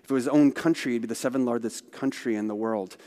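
A man's voice: mid-range voice, quick pace, warm tone. Man giving a church talk in a reverberant hall. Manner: conversational, retelling stories with asides. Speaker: missionary organization speaker.

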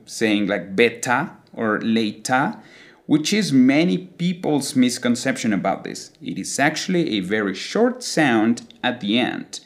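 A man teaching English pronunciation in a scripted lesson, showing the sounds by imitating accents. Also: mid-range voice.

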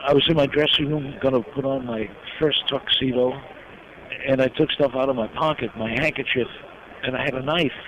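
An older man from New York telling personal stories as an interview guest, reflective and heartfelt, pausing often. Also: medium pitch, fairly even intonation, a bit bright. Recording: dull lo-fi sound with clear background noise.

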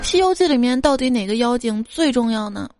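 A woman's voice: fairly high pitch, lively intonation, a little fast, over loud music. A woman telling comic jokes in a chatty, playful storytelling manner. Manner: chatty, playful joke delivery.

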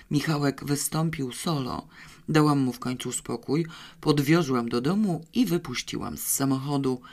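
A reader narrating a novel in a measured, wry manner. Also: mid-range voice, darkish tone. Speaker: audiobook reader. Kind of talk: scripted narration.

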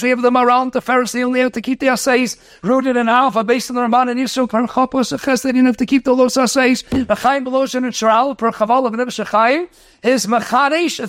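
A rabbi lecturing on Torah, talking quickly, mixing in Hebrew and Yiddish terms, asking rhetorical questions and telling stories. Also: male voice, extremely high pitch, no room sound, studio quality. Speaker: rabbi teaching a Torah class.

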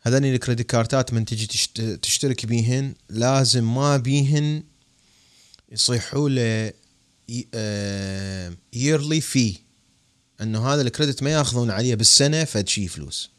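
A young man with an Iraqi Arabic accent hosting a casual podcast, talking about money in an animated, joking way with emphatic bursts. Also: mid-range voice, normal speed. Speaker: podcast host giving money advice.

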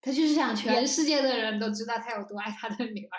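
A woman hosting a casual interview who chimes in with relaxed, reassuring remarks. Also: fairly high pitch, quick pace, reverberant. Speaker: host.

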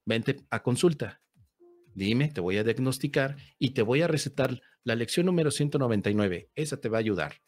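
A man playing a mock quack doctor who briskly hands out prescriptions. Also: medium pitch, lively intonation, darkish tone, faint music behind, lightly acted. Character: glib male quack doctor handing out prescriptions.

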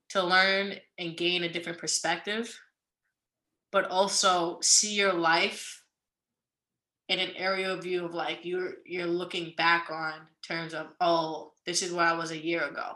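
Bright-voiced young woman, earnest chat. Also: lowish voice, little pitch movement, measured pace, rough recording. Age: 20s. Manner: earnest, rambling, motivational. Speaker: podcast co-host. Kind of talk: casual chat.

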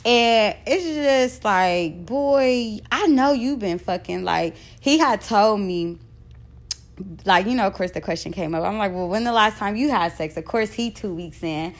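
A woman's voice: mid-range voice, expressive, measured pace. A woman in her thirties hosting a podcast on her own, talking bluntly and candidly in a casual monologue and sometimes stumbling over her words. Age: 30s. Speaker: podcast host.

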